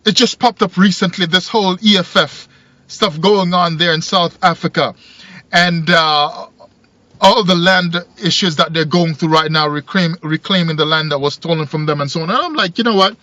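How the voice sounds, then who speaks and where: A video commentator in his forties, Jamaican by upbringing, rambles through a casual monologue in a parked car, repeating himself while thinking aloud. His voice is a little high and sharp at a moderate pace. The dry, dull lo-fi audio comes from a phone or camera on the dashboard.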